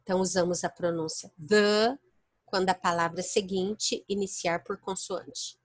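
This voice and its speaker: A woman's voice: on the low side, level tone, normal speed, dry recording. A woman teacher with a Brazilian Portuguese accent giving an online class, explaining points step by step and checking that her students understand. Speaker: English teacher. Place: home, online virtual class.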